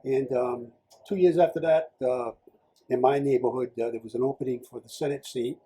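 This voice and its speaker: A man's voice: mid-range voice, fairly even intonation, fairly quick, mellow, slight background noise, low-quality recording. A man, a political candidate telling his story in a casual interview, rambling with many fillers and restarts. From Rhode Island.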